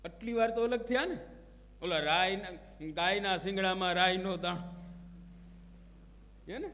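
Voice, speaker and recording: High-pitched man preaching in a reverberant hall. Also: a little slow, a bit bright, slight background noise. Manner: storytelling, acts out quoted prayers and dialogue. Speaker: religious preacher. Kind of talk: devotional discourse.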